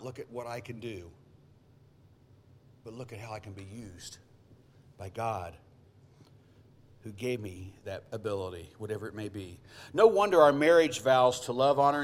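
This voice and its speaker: A middle-aged male pastor preaching a sermon, telling folksy stories with jokey asides. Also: medium pitch.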